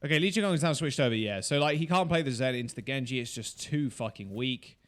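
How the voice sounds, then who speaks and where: A man casually breaking down a game replay, reacting loudly and swearing often as the plays unfold. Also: mid-range voice, fast. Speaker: esports streamer and analyst.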